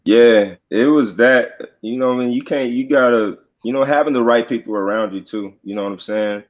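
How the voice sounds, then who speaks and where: A man's voice: mid-range voice, moderate pace, muffled recording. A man guesting on a podcast, talking in a laid-back, profane way with lots of fillers. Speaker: rapper guest. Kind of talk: casual podcast interview.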